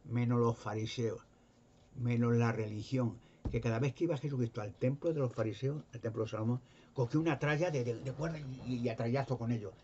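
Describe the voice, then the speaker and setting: In a steady, darkish, mid-range voice, a man with a Spain Spanish accent preaches fairly quickly and informally. The lay preacher rambles through Bible stories, repeating himself and restarting with stammers. Faint background noise accompanies a slightly dull-sounding recording.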